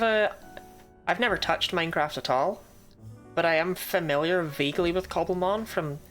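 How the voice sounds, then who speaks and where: A woman with a slightly low voice streams a game over music. She chats casually in a playful way, with deadpan, self-deprecating jokes. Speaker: livestreamer. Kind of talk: casual game livestream chat with playful read-aloud of game dialogue.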